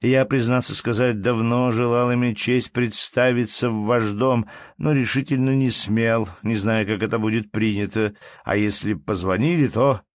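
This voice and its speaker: A man's voice: medium pitch, steady tone, moderate pace, hardly any pauses, no echo, studio quality, close to an everyday voice. A man voicing a fawning, gallant young male ensign who speaks in an effusive, sugary courtly tone. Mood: gushing.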